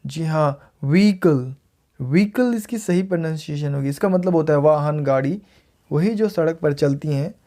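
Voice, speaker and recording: Slightly high and dark in tone, this Indian-accented male teacher's voice carries a casual video lesson on pronunciation. He repeats words slowly and clearly, more than once each, so learners can follow.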